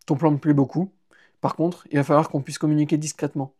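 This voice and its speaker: A man's voice: on the high side, level tone, quick pace, warm tone, natural voice. A man voicing a joking, easygoing young male hacker friend in an audiobook, teasing and casual, stammering when taken by surprise. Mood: eager. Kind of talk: audiobook character voice.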